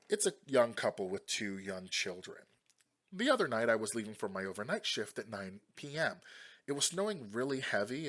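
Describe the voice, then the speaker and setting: A man casually reading online posts aloud with expressive asides. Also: mid-range voice. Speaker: Reddit story reader.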